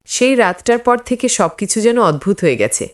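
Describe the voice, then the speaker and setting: A woman narrating a story in the third person, measured and hushed, with a note of suspense. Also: on the high side, sing-song.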